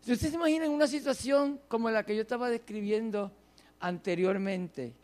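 A man preaching a sermon, swinging between soft, low phrases and loud, drawn-out emphasis.

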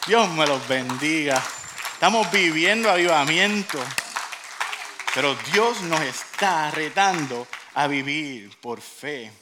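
A man's voice: fairly high pitch, slow pace, a crowd in the background, noisy background. A man pastor, preaching a sermon through dramatic, theatrical stories. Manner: animated, theatrical storytelling. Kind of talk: sermon storytelling.

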